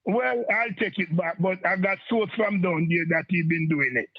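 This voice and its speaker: A Jamaican man calling in to a radio show, speaking in a husky, even voice. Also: high voice, moderate pace. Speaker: caller. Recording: muffled phone call into radio.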